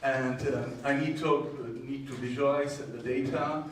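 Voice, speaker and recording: A man from the Czech Republic with a Czech accent gives a technical conference presentation in a hesitant, halting manner with frequent pauses. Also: mid-range voice, fairly even intonation. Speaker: conference presenter, university groundwater modeler. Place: indoor presentation room with strong echo. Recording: echoey hall, distant mic, faint noise.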